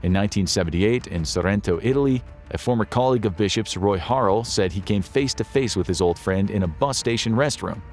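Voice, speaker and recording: Man, fairly deep voice, scripted documentary narration, steady measured storytelling, soft music bed behind. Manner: steady, measured storytelling delivery with dramatic questions.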